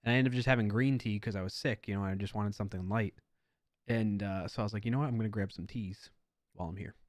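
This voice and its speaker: A man's voice: lowish voice, fairly even intonation, fast talker, dry recording. A man hosting a live coding stream, chatting casually with viewers and rambling between tasks. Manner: chatty, talks to chat, rambling asides. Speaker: livestream host.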